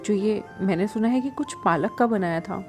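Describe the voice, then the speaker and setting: A woman's voice: mid-range voice, moderate pace, faint music behind, lightly acted. A woman playing a chatty gossiping male attendant.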